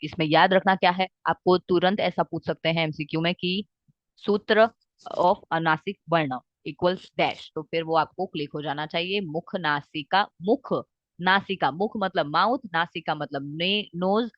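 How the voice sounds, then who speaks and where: Lady teacher going over grammar for an exam, lowish voice, dry kinda muffled sound, keeps asking if you got it. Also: normal speed, no room sound. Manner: checks often with "ठीक है" and "आ गई बात समझ में?"; mixes English words into Hindi. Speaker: Sanskrit teacher. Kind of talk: exam-focused lecture.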